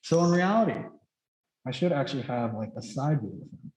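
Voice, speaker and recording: A man's voice: medium pitch, lively intonation, a little fast, a little mellow. A man speaking through a face mask, casually thinking aloud as he teaches drawing in a rambling, chatty way. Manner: rambling, chatty, frequent "like" filler. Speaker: drawing instructor. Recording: echoey, roomy sound.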